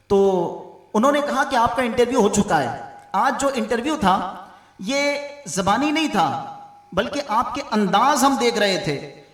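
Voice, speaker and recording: A man giving a religious talk at a gathering, telling a moral story and addressing his listeners as brothers. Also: high voice. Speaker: preacher. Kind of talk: religious speech at a mehfil. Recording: echoey hall, from far off.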